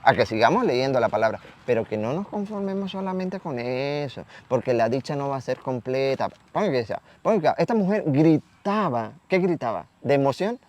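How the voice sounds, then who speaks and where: A man's voice: mid-range voice, lively intonation, normal speed, few pauses, darkish tone. A man from Venezuela giving an emphatic daily Gospel reflection, repeating words and asking rhetorical questions. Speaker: preacher.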